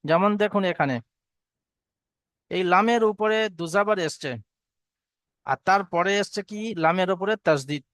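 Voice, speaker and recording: A man teaching Quran recitation to students, spelling out each letter and vowel and then chanting the verse slowly. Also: high-pitched, fairly bright tone, dry recording. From Bengal.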